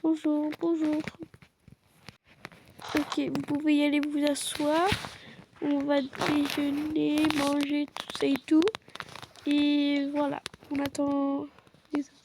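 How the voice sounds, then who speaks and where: A woman with a high, monotone voice casually narrates a role-play while playing a game, chatting and talking through each step aloud at a slow pace with long pauses. A noisy home background is audible.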